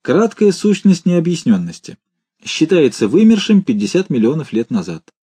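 A shy, gentle male commandant, played by a man reading a story aloud, reading official forms meekly and speaking of his pet with tender warmth. His husky voice sits a little higher than the narration and wanders lively in pitch. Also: moderate pace. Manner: timid, mild, tender.

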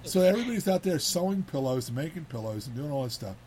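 A man's voice: a little high, expressive, fast, darkish tone, a little hiss or hum. A man hosting a casual talk show, rambling and repeating words as he talks. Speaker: host.

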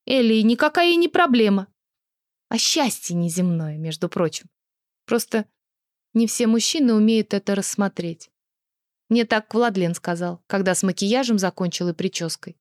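A woman reader voicing a tipsy, dramatic young woman who is quick to take offence. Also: medium pitch, lively intonation, no room sound, clean studio sound, close to an everyday voice. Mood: indignant.

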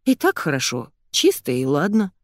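A woman's voice: deep voice, wildly swooping pitch, normal speed, no room sound, studio quality, heavily acted. A woman doing whiny plump married woman. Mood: whining. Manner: whining, plaintive. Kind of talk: audiobook character reading.

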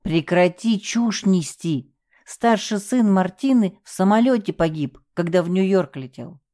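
A woman's voice: mid-range voice, expressive, measured pace, mellow, pitched above the performer's own voice, natural voice. A woman voicing a stern, cold female castle manager who scolds and threatens a subordinate in an audiobook. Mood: scolding.

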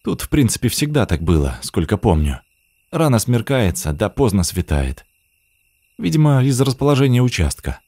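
A man reading an audiobook, voicing a sad young woman in a softly raised voice. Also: medium pitch, big pitch swings, normal speed, dry recording, studio quality, pitched above the performer's own voice. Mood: calm. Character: sad young woman visiting her late grandmother's house.

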